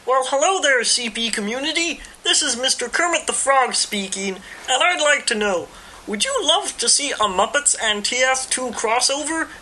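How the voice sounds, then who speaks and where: A woman's voice: high-pitched, expressive, moderate pace, pushed and bright. A woman voicing a polite, earnest puppet frog, leaving a formal, courteous message on a noisy amateur recording. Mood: polite, cheery. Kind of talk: voicemail-style listener message.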